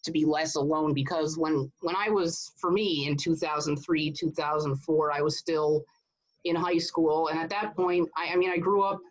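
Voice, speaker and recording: A man's voice: on the high side, fairly even intonation, moderate pace. A man in his thirties from Connecticut, talking casually as an interview guest, often restarting and repeating words. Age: 30s. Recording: dull, muffled sound.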